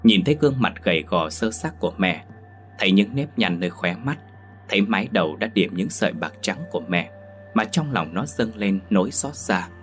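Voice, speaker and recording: A man narrating a ghost story in a slow, emotive scripted reading. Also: lowish voice, expressive. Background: faint music.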